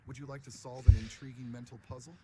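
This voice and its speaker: An actor voicing a formal, courteous male character in a biblical video game, with measured scripted speech. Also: medium pitch, flat delivery, mellow, lightly acted. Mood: inviting, quizzing.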